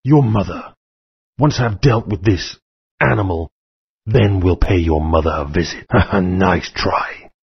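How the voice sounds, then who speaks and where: General Scales, gravelly reptile tyrant. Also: male voice, low-pitched, slow pace, exaggerated voice. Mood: menacing. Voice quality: gravelly, husky. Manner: menacing, mocking. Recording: muffled lo-fi game audio.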